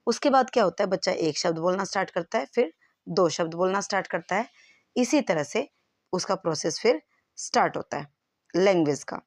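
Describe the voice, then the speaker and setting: A woman's voice: lowish voice, lively intonation, fairly quick, no room sound. Woman teacher, exam-prep lesson, dry close sound, step-by-step explaining. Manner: explains step by step, checks in with "clear?".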